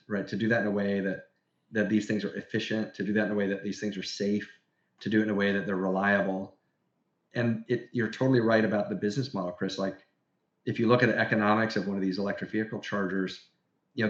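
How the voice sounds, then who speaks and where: Low-voiced man, roomy dull podcast sound. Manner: enthusiastic, explanatory. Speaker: guest industry executive. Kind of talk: casual podcast interview.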